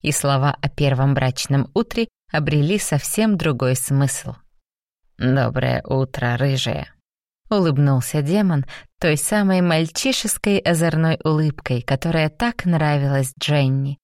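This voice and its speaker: A woman narrating a romance novel aloud in smooth, even storytelling. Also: deep voice, unhurried, dry recording, clean studio sound. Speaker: audiobook narrator.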